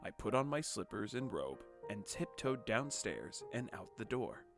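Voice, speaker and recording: Man with a lively, sarcastic storybook voice. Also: fairly low pitch, unhurried, vocal fry. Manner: crude, sarcastic asides breaking a calm reading. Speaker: narrator. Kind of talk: comedic parody storybook reading. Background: background music.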